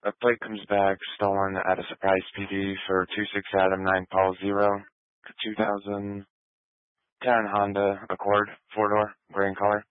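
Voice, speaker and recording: A male police dispatcher talks over a radio transmission, reading out codes and vehicle details in a flat, clipped monotone. His voice sits low and clear. The sound is thin and narrow like a phone line, completely dry. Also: normal speed, no echo.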